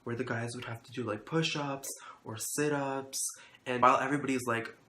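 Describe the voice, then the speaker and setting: A man's voice: medium pitch, fairly even intonation, normal speed, pushed and bright, a little hiss or hum. A young man telling a school story in a casual vlog, rambling with constant fillers, swearing and sounding incredulous. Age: young adult. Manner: rambling, heavy use of "like", profane, incredulous. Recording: echoey room, faint ambience.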